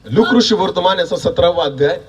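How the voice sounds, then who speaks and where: A man preaching a sermon, quizzing the congregation with repeated questions and building to shouts. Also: high-pitched, brisk, husky, far from the mic. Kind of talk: sermon with call-and-response.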